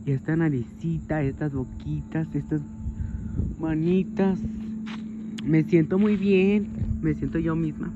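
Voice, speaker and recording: A man's voice: fairly high pitch, steady tone, takes it slowly, long pauses. A man playing a vain, flirty woman. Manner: gushing, self-admiring, keeps saying how embarrassed she is. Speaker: comedian. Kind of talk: character comedy vlog. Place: outdoors on a street by a shop. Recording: dull lo-fi with loud outdoor noise.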